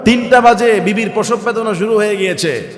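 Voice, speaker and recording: A high-pitched man with a Bangladeshi Bengali accent delivers a waz sermon, pressing his listeners with rhetorical questions. His voice drops low, then rises to a shout. The recording is roomy, with a long reverb trailing each phrase. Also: brisk. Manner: rhetorical questions to the crowd, swinging from soft to shouted. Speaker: Islamic preacher. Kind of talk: waz sermon with Quran recitation. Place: religious gathering (waz mahfil).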